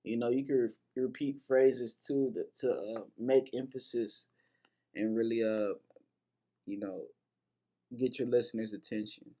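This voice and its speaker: A man's voice: medium pitch, fairly even intonation, measured pace, a little mellow. A man hosting a casual lesson that breaks down rap lyrics, talking loosely with lots of fillers, restarts and casual swearing. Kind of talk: casual explanatory commentary.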